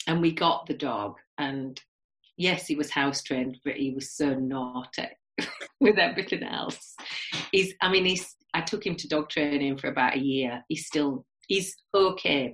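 A woman co-hosting a podcast in casual chat, telling stories in a relaxed way. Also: very deep voice. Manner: relaxed storyteller with fillers. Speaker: podcast co-host.

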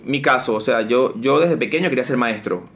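Coach guest, man, brisk delivery, energetic and expressive. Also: mid-range voice. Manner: energetic, emphatic, shifts his intonation on purpose. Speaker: business coach. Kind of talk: casual interview chat.

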